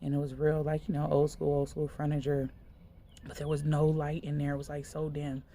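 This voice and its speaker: Low gravelly woman preaching casually. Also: completely flat delivery, brisk, dark tone, slight background noise. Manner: conversational, loose, many fillers like "like". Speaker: minister sharing a dream. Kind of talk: casual spoken sermon, retelling a dream.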